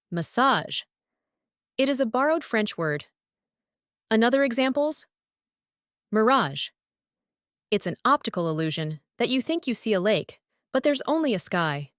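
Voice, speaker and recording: A woman's voice: fairly high pitch, sing-song, fairly quick, no echo, clean studio sound. A woman with a Lithuanian accent teaching English pronunciation, saying each example word several times. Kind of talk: pronunciation lesson, repeating example words.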